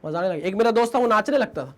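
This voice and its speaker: High-voiced man giving animated study advice. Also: racing. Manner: conversational, acts out inner voices, frequent tag questions. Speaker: exam-prep teacher.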